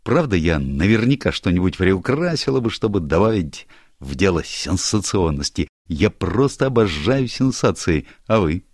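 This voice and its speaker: A man's voice: sits low, sing-song, normal speed, no room sound, studio quality, pitched above the performer's own voice. A man voicing a teasing, outspoken young woman in an audiobook, gushing and theatrical. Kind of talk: audiobook character voice.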